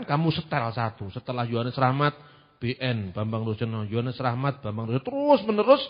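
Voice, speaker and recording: Man, high voice, talking to a congregation; lively and mocking, with a muffled, echoing hall sound. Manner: lively and mocking, with colloquial asides. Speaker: church teacher. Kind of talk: church talk to a congregation. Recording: dull, reverberant hall recording.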